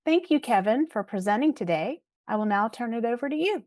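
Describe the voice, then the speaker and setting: A woman's voice: a little high, expressive, darkish tone. A woman moderating a webinar, reading a formal speaker introduction over a video call. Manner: formal and measured.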